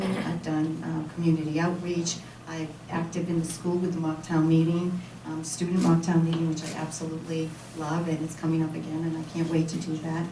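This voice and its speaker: A woman with a lowish voice gives a measured, gracious candidate speech, and her intonation stays flat throughout. She is heard from a distance in an echoing room, with clear background noise. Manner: gracious, measured, level delivery. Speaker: candidate for planning board. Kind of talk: candidate speech at a public forum. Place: community meeting room. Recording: echoey hall, mic far off, noisy.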